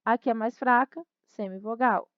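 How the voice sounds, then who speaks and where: A woman teacher explaining a lesson in a cheerful way, spelling out syllables slowly. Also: on the high side, smooth, dry recording, lo-fi sound. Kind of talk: recorded class explanation.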